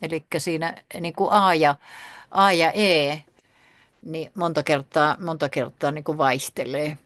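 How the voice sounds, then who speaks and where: A woman teaching a vocabulary lesson, saying each word slowly and more than once, with many fillers. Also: sits low, steady tone, fairly bright tone, no echo, clean studio sound. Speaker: language teacher.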